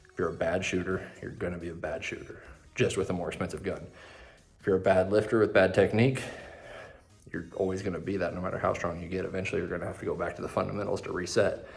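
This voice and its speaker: Deep-voiced man giving fitness tips. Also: little pitch movement, quick pace, vocal fry. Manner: joking, self-deprecating asides. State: out of breath. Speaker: fitness content creator. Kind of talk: casual vlog tips to camera. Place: home garage gym.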